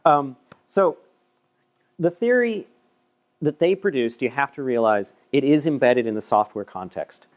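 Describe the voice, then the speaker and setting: Guy presenting a paper at a meetup, chatty and a bit self-deprecating, mid pitch, stumbles and repeats himself now and then. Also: animated, a little slow, pauses often, muffled recording. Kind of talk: casual technical talk. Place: meetup room.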